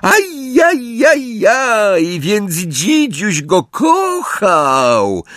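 A man voicing a cruel, unhinged female witch who taunts in drawn-out baby talk. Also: high-pitched, huge pitch swings, a bit bright, no echo, studio quality, pitched above the performer's own voice, full character voice. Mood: mocking. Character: shrill mocking dark witch, cruel and unhinged.

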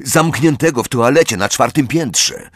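A man's voice: mid-range voice, expressive, normal speed, no echo, studio quality, pitched above the performer's own voice, lightly acted. A man voicing a smug, sly teenage schoolboy who talks eagerly and fawningly.

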